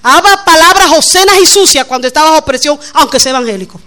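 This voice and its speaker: High, bright-voiced woman preaching. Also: quick pace. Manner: animated, laughs often while telling stories. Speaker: preacher, pastor's wife. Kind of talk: conversational sermon with personal stories.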